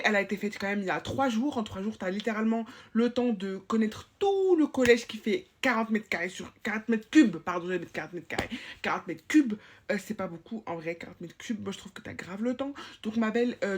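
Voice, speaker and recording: A woman's voice: mid-range voice, expressive, a little fast, a little hiss or hum, lightly acted. Chatty, bossy school supervisor played by a woman for a POV comedy clip, rambling and slangy. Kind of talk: comic POV sketch.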